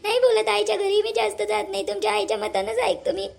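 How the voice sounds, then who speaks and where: A woman's voice: extremely high pitch, very animated, fast, gravelly, full character voice. A woman playing a tearful young bride. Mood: sobbing. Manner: sobbing, tearful complaining. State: crying. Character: young wife beaten by her mother-in-law. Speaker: actor in a family drama. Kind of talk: amateur family drama acting.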